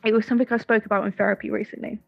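Racing through her words, this woman co-host in her twenties has a mid-range, creaky, husky voice with a flat delivery. The lo-fi recording has no echo and faint music underneath. She's chatty and profane, with "like" scattered throughout.

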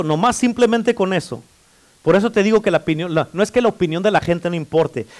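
High-voiced preaching pastor, man. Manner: preaching with call-and-response amens; playful, teasing the congregation. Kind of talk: sermon. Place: church.

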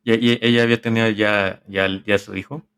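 A man with a Mexican accent, a podcast co-host telling a story in a rambling, halting way, full of slang and swearing. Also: fairly low pitch, level tone, a bit bright, clear, resonant tone. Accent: Mexican Spanish. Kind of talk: casual storytelling among friends.

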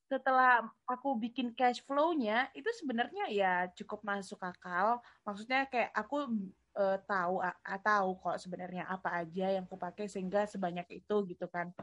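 A woman's voice: mid-range voice, normal speed, a bit bright. A young woman co-hosting a casual faith chat, talking loosely with lots of fillers and English phrases mixed in. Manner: chatty, mixes English phrases, many fillers. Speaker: podcast co-host. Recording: dull lo-fi recording.

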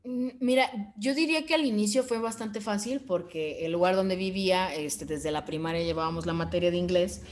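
A woman's voice: lowish voice, moderate pace, few pauses. A woman interviewer, chatting casually and agreeably while answering a question. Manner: agreeable, short affirmations. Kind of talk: casual conversation.

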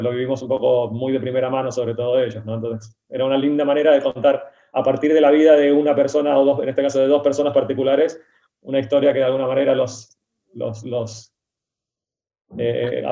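Male writer in his forties, quick and stammering, warm dark tone. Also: medium pitch, level tone. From Argentina. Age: 40s. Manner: fast, stammering restarts. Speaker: guest writer. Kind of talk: interview. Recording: slightly dull, muffled sound.

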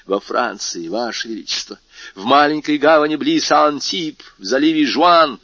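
A man's voice: fairly high pitch, animated, moderate pace, sharp tone, dry recording, dull audio, pitched above the performer's own voice, full character voice. A man reading a novel aloud, voicing a frightened male minister of police who pleads and stammers before his king. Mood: reporting. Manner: pleading, distraught.

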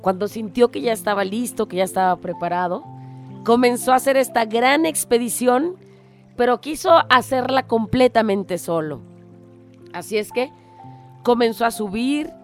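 A woman hosting a show and telling a moral reflection story in an earnest, dramatic way. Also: fairly high pitch. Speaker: radio host.

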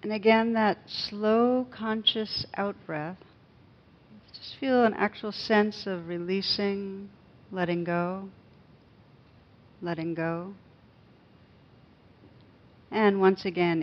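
A female meditation teacher guides a session in a mid-range voice, speaking gently and slowly with pauses and fairly even intonation. The audio sounds dull.

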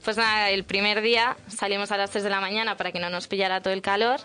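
A woman recounts a trip on a radio talk show, chatty and animated, full of fillers. Her voice sits at a mid pitch. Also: fast, soft background music. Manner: lively anecdote telling, many fillers. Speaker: guest storyteller. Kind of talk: casual radio chat. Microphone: radio studio mic.

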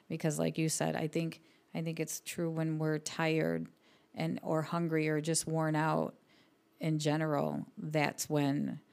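A woman's voice: low voice, gravelly. A woman co-hosting a podcast, chatting casually about faith and quoting scripture with easy laughs. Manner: warm storytelling, laughs easily, quotes scripture. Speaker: podcast co-host.

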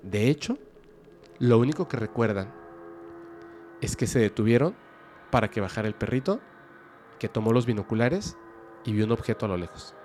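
A man telling a dramatic story in a suspenseful, lively way. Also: medium pitch, moderate pace, long pauses, slight background noise. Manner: lively, suspenseful, with sudden loud bursts.

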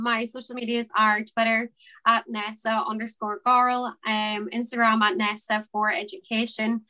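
A young Irish woman speaks earnestly in an informal interview. Her voice is bright and forceful with a fairly even pitch. She circles back on her points to stress them. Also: low-quality recording. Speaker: student election candidate.

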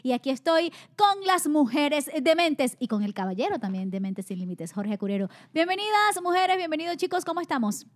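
High-voiced bubbly woman podcast host. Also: big pitch swings, fairly quick, hardly any pauses. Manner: bubbly, sighing and laughing, chatty. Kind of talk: casual chat.

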